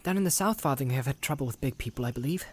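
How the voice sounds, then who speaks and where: A man voicing Frodo, a thoughtful young male hobbit, measured and guarded. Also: mid-range voice, animated, natural voice. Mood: puzzled.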